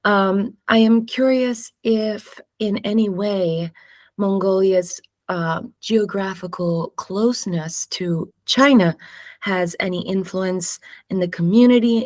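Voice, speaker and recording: A woman's voice: medium pitch, darkish tone, no room sound, clean studio sound. A woman asking questions in an online meeting, polite and tentative, a little apologetic. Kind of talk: asking questions on a video call.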